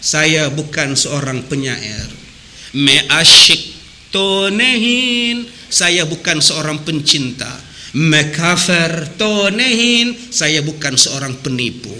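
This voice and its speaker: A man preaching a humorous sermon, animated and acting out voices as he goes. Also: fairly high pitch, slow, slight background noise. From Malaysia. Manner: animated, sings song snippets and acts out voices.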